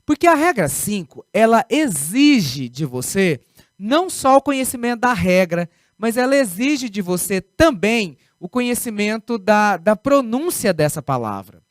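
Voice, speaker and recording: A man's voice: high-pitched, very animated, a little slow, no echo, studio quality. A man with a Brazilian Portuguese accent teaching grammar in a recorded video lesson, emphatic, repeating key words and asking rhetorical questions.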